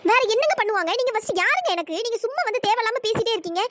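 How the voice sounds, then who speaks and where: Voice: very high-pitched, animated, very fast, fairly bright tone, dry recording, clean studio sound. A performer voicing an irritable young college woman in a cartoon story, scolding and exasperated. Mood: irritated.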